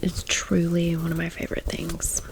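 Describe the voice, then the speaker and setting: A Tennessee woman in her thirties hosts an ASMR storytime, whispering in a chatty, confiding way with a breathy whisper. Her pitch is fairly low, her delivery completely flat, and her speed normal. The recording is rough.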